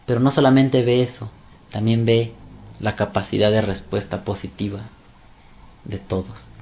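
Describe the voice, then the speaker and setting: A man's voice: on the low side, darkish tone. A man teaching scripture in a sermon style, emphatic and fond of rhetorical questions. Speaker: religious teacher.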